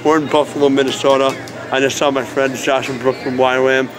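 A man's voice: medium pitch, little pitch movement, fast talker. A young man vlogging and joking with friends on a phone camera in a bowling alley. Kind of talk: casual chat. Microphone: handheld phone camera.

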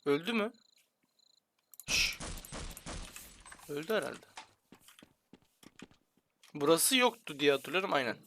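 A young man with a Turkish accent commentating his gameplay casually, joking and grumbling at the game with sudden loud outcries. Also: a little high, lively intonation, slow pace, pauses often, slight background noise. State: slight headache. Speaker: gaming YouTuber. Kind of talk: casual let's-play commentary. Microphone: headset.

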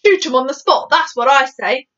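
A woman's voice: sits high, animated, moderate pace, sharp tone, muffled recording. A woman voicing a hot-headed male air force chief in a storybook, barking indignantly. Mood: aggressive.

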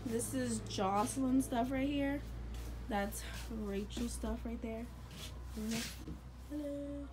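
A woman vlogger chatting excitedly to her handheld camera, outdoors in snow and then in a cabin room. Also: fairly high pitch, slow. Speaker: vlogger host. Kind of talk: casual vlog narration to camera. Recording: crowd noise in background.

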